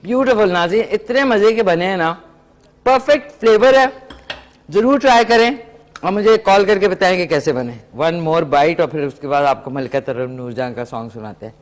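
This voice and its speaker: A woman's voice: on the low side, expressive, normal speed. Chatty woman hosting a TV cooking show. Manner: chatty, warm address to viewers and callers. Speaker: morning show host. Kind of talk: live TV cooking segment chat.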